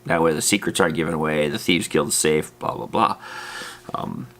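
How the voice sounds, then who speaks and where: A bass-voiced man speaks at a moderate pace with a slightly bright tone. He presents a tabletop gaming series in an informal, unscripted, slangy way, often trailing into asides, against faint background noise.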